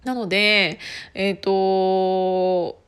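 Woman podcast host from Gunma, casual solo chat, filler-heavy and laughing often, mid-pitched. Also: little pitch movement, drawn-out words, fairly bright tone, smooth. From Gunma, Japan.

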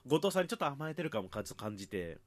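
A man in casual chat about an anime series, talking quickly and laughing often. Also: medium pitch, big pitch swings, crowd noise. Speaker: podcast co-host.

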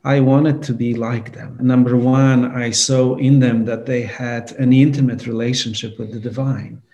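A Polish man in his forties, a priest appearing as a guest, answers interview questions in an earnest, thoughtful way, peppering his speech with "you know." His voice is medium-pitched and mellow, with little pitch movement, at a normal speed.

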